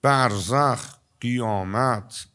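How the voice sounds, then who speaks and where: An older man giving a sermon to a gathering, telling stories and drawing some words out slowly before rushing through others. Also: medium pitch, sharp tone. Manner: storytelling, shifting between slow, stretched emphasis and quick asides. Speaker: preacher. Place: religious gathering with an audience.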